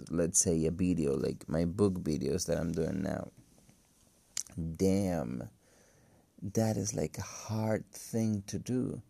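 A man who is a non-native English speaker, talking casually and haltingly in a solo podcast, with a cracking voice. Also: low voice, vocal fry, mellow, dry recording. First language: not English. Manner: halting, hesitant, thinking aloud. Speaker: podcast host. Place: empty room. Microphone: phone.

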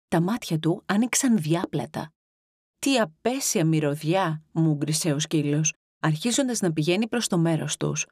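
A woman narrating an audiobook excerpt of a children's animal tale, expressive and giving the animals their own voices. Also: deep voice, no echo, clean studio sound. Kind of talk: storybook reading.

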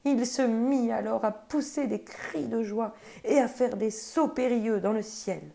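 A woman storyteller reading a children's story aloud in a gentle, expressive way. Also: on the high side, measured pace, vocal fry.

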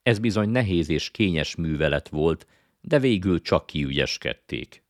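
A man narrating a children's story aloud in a calm, even storytelling manner. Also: deep voice, dry recording, clean studio sound. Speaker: audiobook narrator. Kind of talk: scripted narration. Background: faint guitar music.

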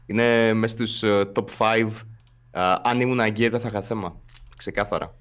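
A young man chatting casually as a co-host, telling animated stories with playful sound effects. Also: lowish voice. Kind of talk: casual chat.

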